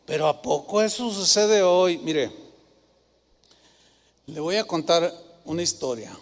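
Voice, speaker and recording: A Mexican man preaching a sermon as pastor, telling stories in an animated way and mimicking doubters' voices. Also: a little high, slow, big-room sound. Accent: Mexican Spanish. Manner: animated storytelling, mimics skeptics and acts out quoted voices.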